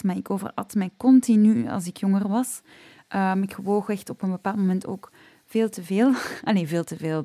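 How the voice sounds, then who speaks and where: A woman with a Flemish accent talks through voice-care tips in a relaxed, conversational way, pausing often on filler sounds. Her tone is warm and dark. She is recorded close and dry, with no room sound. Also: medium pitch, no room sound. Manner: chatty, frequent "ehm" fillers, laughs at herself. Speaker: singing teacher. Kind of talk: casual spoken vocal health tips.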